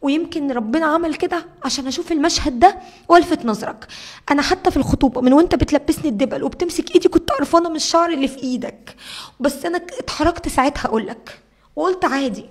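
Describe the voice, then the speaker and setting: Rapid, high-voiced Egyptian woman storyteller. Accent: Egyptian Arabic. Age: young adult. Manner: expressive, rapid, acts out dialogue. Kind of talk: dramatic personal storytelling.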